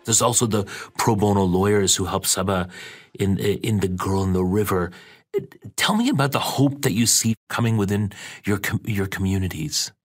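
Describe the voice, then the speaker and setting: A man's voice: on the low side, moderate pace. A man hosting an interview, asking admiring questions with frequent restarts. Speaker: interview host.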